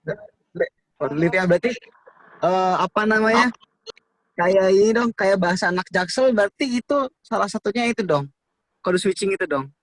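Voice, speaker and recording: Young male student, informal and searching for words; slightly high, dry close sound. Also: moderate pace, long pauses, dry recording, low-quality recording. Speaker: student asking questions. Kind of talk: casual class discussion.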